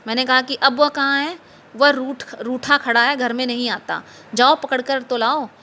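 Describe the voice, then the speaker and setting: Bright-voiced woman reading a story. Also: high voice. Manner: steady, measured storytelling with a closing sign-off. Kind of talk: reading a literary short story aloud.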